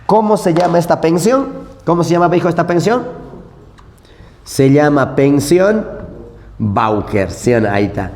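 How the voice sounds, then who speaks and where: A man's voice: fairly high pitch, lively intonation, normal speed, long pauses, a little mellow. A man teaching a literature class, talking animatedly and constantly checking in with his students. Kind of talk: prep-school lecture. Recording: long hall reverb.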